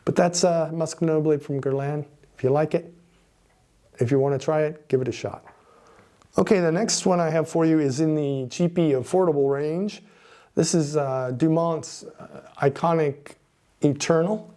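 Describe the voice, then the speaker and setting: A man's voice: a little high, normal speed, warm tone. A man reviewing fragrances in a casual, rambling way, often restarting his sentences and cursing under his breath at small mishaps.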